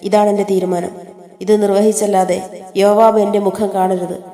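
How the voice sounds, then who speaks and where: A woman reading the lines of a stern male royal official issuing war orders from a play script, in an even reading voice. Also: medium pitch, moderate pace, lightly acted. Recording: echoey room.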